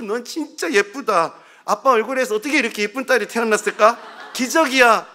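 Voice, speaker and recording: A man's voice: very high voice, bright, forceful tone. A middle-aged male pastor preaching a sermon, telling humorous, self-deprecating stories to his congregation.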